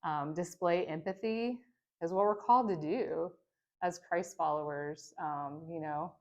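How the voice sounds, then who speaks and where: A woman with a lowish voice gives a church training lesson. She talks in a loose, conversational way, checking in with her listeners and drawing on her own experience. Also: a little slow. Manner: conversational, many fillers and tag questions; reflective, speaks from own experience. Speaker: teacher of a church training course. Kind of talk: teaching a lesson.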